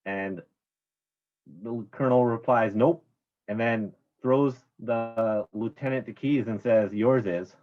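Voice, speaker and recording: A man's voice: mid-range voice, fairly even intonation, measured pace. A man chairing an online meeting, chatty and rambling, correcting himself as he goes. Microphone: video call. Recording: dull lo-fi sound.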